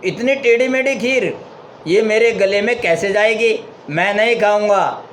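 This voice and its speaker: A man voicing a stubborn blind man who keeps shouting questions in a spoken parable. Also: high-pitched, moderate pace, a little hiss or hum, natural voice. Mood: alarmed. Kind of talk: storytelling parable.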